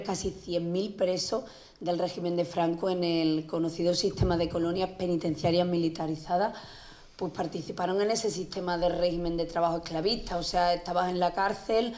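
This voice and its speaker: A woman journalist giving a conference talk, speaking with many pauses and restarts. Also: lowish voice, steady tone, mellow. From Spain. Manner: hesitant, many restarts and fillers. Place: public conference hall.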